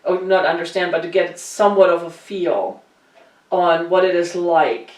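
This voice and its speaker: A woman from Germany hosts a casual talk show, her voice on the low side and darkish, at a normal speed. She speaks emphatically and earnestly, repeating phrases to drive home her opinions in conversational chat. The recording has a roomy echo, with her distant from the mic.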